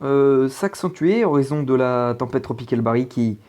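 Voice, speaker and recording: Expressive and a little mellow, this amateur weather presenter's mid-range voice moves at a moderate pace as he comments on weather maps. His manner is casual and hesitant, with lots of fillers and restarts.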